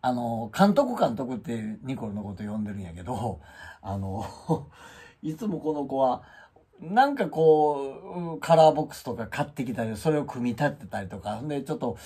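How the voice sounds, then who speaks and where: Very husky Kansai man telling stories. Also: mid-range voice, normal speed. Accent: Kansai Japanese. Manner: animated storyteller who acts out quoted lines. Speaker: channel host. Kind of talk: casual monologue about his pets.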